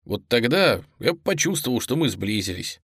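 Man playing a gruff, curt young man. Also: medium pitch, sing-song, moderate pace, a bit bright, no echo, clean studio sound, full character voice. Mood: bitter. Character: blunt, gruff young man, whispering harshly.

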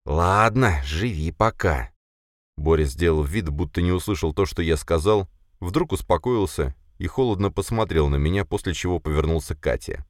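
A man narrating a first-person fantasy audiobook in a measured, expressive storytelling manner. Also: low-pitched, no room sound, clean studio sound.

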